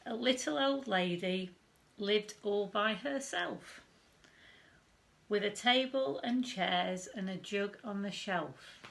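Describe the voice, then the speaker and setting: A woman reading a rhyming bedtime story to children with expressive, deliberate phrasing. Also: mid-range voice, creaky, slight background noise. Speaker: primary school staff reading a bedtime story.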